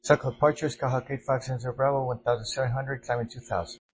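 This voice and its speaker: Quick guy pilot on headset radio rattling off readbacks from the cockpit. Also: mid-range voice, fairly even intonation, poor audio. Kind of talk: clipped aviation radio readbacks.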